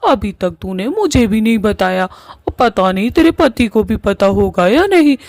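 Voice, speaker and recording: A nosy cartoon girlfriend, as a woman voices her, coaxing in a middle-pitched voice. She keeps pressing with questions. The recording is dry and close. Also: animated, measured pace, darkish tone, dry recording. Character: curious female friend of the witch. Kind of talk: cartoon voice acting.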